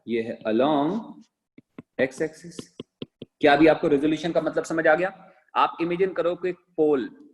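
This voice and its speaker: A male teacher giving a classroom lecture, asking the class rhetorical questions and repeating phrases slowly so students can write them down on words. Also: on the high side, a little mellow, poor audio. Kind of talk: classroom lecture, dictating notes.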